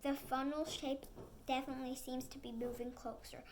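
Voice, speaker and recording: High-voiced woman reading a storybook aloud. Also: flat delivery, moderate pace, a little hiss or hum. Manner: reads with small slips and acted sound effects. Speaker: storybook reader. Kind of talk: reading a chapter book aloud.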